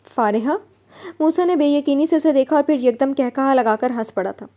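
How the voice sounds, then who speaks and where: Woman reading a romance novel out loud, expressive, kinda high pitched but mellow. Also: a little fast. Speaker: narrator. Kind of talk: scripted narration of a romance novel.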